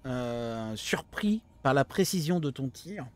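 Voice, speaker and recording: A man acting as game master, improvising narration and explaining the action in a halting way. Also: mid-range voice, expressive, dry recording.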